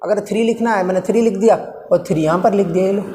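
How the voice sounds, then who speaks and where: A man's voice: high voice, fast talker, warm tone. A male physics teacher lecturing a live class, coaxing and teasing his students as he talks through each step aloud. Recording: reverberant classroom, faint background noise.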